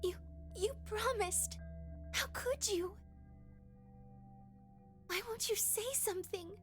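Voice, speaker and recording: Soft, high-pitched young woman. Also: slow pace. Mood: hurt pleading. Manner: soft, hesitant and pleading. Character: gentle, soft-spoken young woman, hurt and quiet. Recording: game audio with music underneath.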